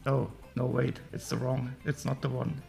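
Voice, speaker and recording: A man's voice: mid-range voice, flat delivery, moderate pace, creaky, darkish tone. A man with a German accent, chatting casually with viewers as a livestream host while sorting toy parts. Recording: faint music behind.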